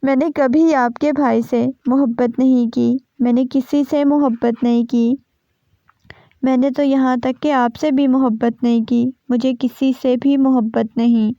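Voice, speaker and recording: An anxious, gravely ill young wife pleads with worried questions in a storybook romance, as a woman narrator voices her. The voice is fairly high and mellow. The recording is dull and dry. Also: steady tone, no echo. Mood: earnest.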